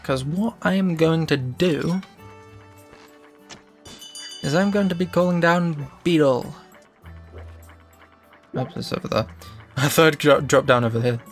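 A man's voice: on the high side, measured pace, long pauses, faint music behind. A man giving casual, explanatory commentary as he plays through a video game. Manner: relaxed, explanatory, self-correcting. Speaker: let's play host.

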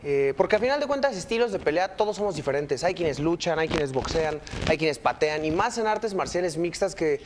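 Young mexican guy chatting about a fight, bit high voice, slight hiss in the background. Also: a little fast, hardly any pauses. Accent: Mexican Spanish. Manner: relaxed, reflective, many fillers like "pues". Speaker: interview guest, UFC fighter. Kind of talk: casual interview answers.

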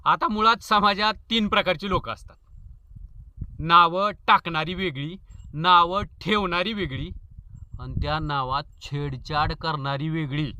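A man's voice: on the high side, bright, forceful tone. A man from Maharashtra telling comic stories as a channel host, chatty and joking. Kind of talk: comic storytelling.

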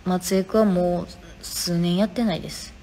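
A woman's voice: on the low side, steady tone, normal speed, dark tone. A young woman with a Kansai accent hosting a live stream from her phone, reading viewer comments aloud and answering them in a chatty, casual way. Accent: Kansai Japanese. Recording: reverberant room, faint background noise.

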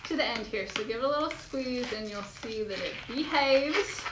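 A woman's voice: a little high, expressive, moderate pace. A young woman teaching balloon twisting step by step, bubbly and giggly, gushing over how cute each piece looks. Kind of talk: step-by-step tutorial. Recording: echoey room with audible noise.

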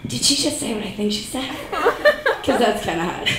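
A woman's voice: medium pitch, animated, a little fast. A young woman performing a profane stand-up comedy set, laughing through her punchlines. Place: comedy club stage with live audience. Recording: echoey room, distant mic, audience noise.

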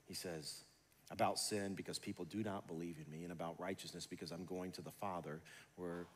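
A man's voice: low-pitched, steady tone, brisk. A man preaching a sermon as pastor, conversational and building to emphatic passages. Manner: conversational preaching, rising to emphatic near the end. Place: large church sanctuary. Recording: church hall reverb.

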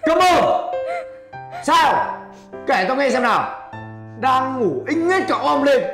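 A bossy cousin with a high, brusque voice, scolding and teasing. The sound is echoey, as if in a bare room. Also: male voice, big pitch swings, slow pace, over music, heavily acted. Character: gruff bossy young male cousin. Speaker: older cousin in a comedy sketch.

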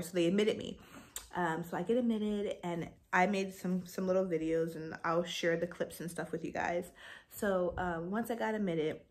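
A young woman vlogger tells the story of her labor in a casual, animated way, her pitch jumping high whenever she relives her frustration.

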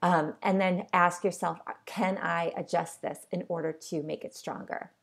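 A woman's voice: lowish voice, steady tone, a little slow, creaky. A woman giving a recorded online lecture as a college English instructor, explaining in an unscripted way with many ums and uhs.

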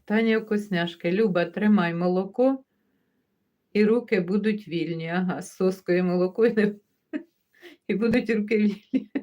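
Woman livestream host, casual chatty comment-reading, middle pitch, muffled stream audio. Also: normal speed, long pauses. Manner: chatty, warmly greets viewers by name one after another; easygoing, laughs as she talks. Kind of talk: casual chat, reading viewer comments aloud.

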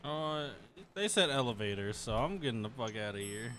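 A man's voice: medium pitch, expressive, moderate pace, a bit bright, slight background noise. A young man giving casual co-op gameplay commentary, swearing and joking at the game. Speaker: gaming video host.

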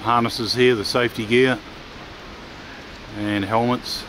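A man narrating a travel vlog outdoors in a forest park, matter-of-fact and unhurried, with frequent "uh" pauses. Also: medium pitch, steady tone. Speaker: travel vlogger. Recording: noisy outdoor ambience.

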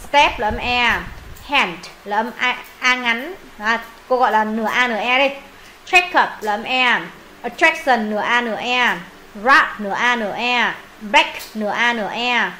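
A woman's voice: on the high side, moderate pace, sharp tone, a little hiss or hum, low-quality recording. A woman teaching English pronunciation in Vietnamese, modelling words, repeating them for students and thinking aloud when unsure.

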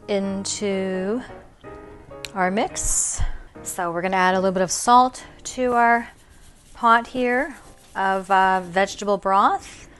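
A woman's voice: medium pitch, fairly bright tone. A middle-aged woman hosting a cooking show in her home kitchen, explaining each step in a friendly way with a few fillers. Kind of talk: cooking demonstration.

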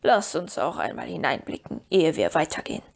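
A woman voicing a gruff, solemn old dwarf. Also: low-pitched, very animated, fairly quick, voice pushed down, exaggerated voice. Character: gruff grieving male dwarf warrior. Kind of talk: audiobook character reading.

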